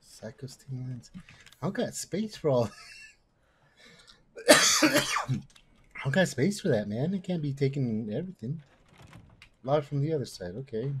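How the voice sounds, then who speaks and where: A man giving let's play commentary, muttering to himself and bursting into swearing yells. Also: mid-range voice, lively intonation, a little slow, long pauses, slight background noise. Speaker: gameplay streamer.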